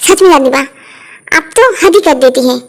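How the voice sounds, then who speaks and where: A woman's voice: high-pitched, expressive, normal speed. A woman voicing a stubborn, impatient young grandson who talks in an irritated tone. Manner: pleading then irritated, stubborn.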